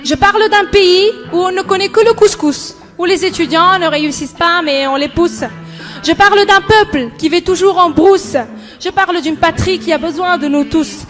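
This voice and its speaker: This young Moroccan student poet has a very high, somewhat bright voice and a moderate pace. She performs spoken-word poetry passionately and rhythmically, with strong emphasis, over background music.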